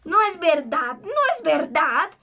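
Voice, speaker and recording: A woman voicing a blustering, scheming male pirate captain, in a slow, theatrical, exclaiming way. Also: high-pitched, expressive, pushed and bright, dull audio, full character voice. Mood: shaken, demanding.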